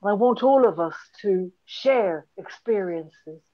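A woman acts an earnest cabbage mother leading a support meeting. She speaks slowly at a middle pitch, over slightly dull video-call audio, in puppet improv. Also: expressive.

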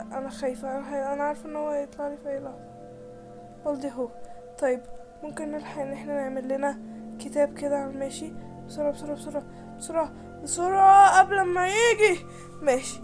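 A woman with an Egyptian Arabic accent doing let's play commentary on a horror game, jumpy and panicky, shrieking and giggling when startled. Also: high voice. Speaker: gamer playing a horror game. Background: game music.

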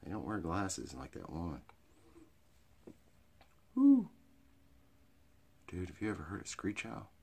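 A middle-aged American man with a hick drawl and a gravelly, raspy voice, rambling through off-the-cuff comedy to camera in a crude, rowdy redneck manner. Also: sits low, animated, a little fast, few pauses, fairly bright tone, slight background noise. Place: small cluttered indoor storage room or workshop. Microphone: phone or webcam at arm's length.

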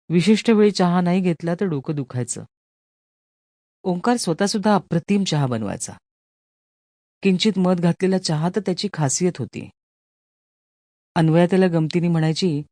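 Mellow woman narrating a short story. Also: low-pitched, no echo, clean studio sound. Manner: measured literary storytelling. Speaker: audiobook narrator. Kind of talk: scripted narration.

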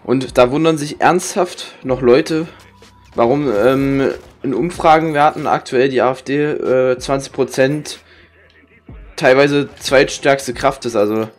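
A man's voice: medium pitch, unhurried. Grumbling young man over music. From Germany. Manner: slangy, swearing, grumbling. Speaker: gaming streamer. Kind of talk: casual rambling gameplay commentary. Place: indoor room with webcam.

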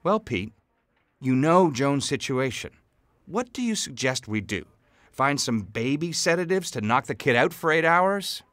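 A man's voice: medium pitch, big pitch swings, unhurried, a bit bright, dry recording. A man playing a sarcastic senior office boss in a puppet parody. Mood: sardonic.

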